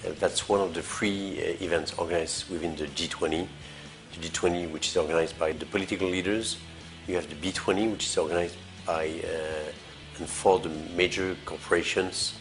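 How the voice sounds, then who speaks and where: A man speaking as an event organizer in an interview, deliberate and pausing with fillers. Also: deep voice, fairly even intonation. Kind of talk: interview soundbite. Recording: faint music underneath.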